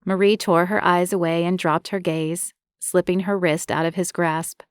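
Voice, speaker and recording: Female audiobook narrator, steady and even, slightly low, very dry booth. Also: normal speed, smooth, dry recording. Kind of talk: scripted narration.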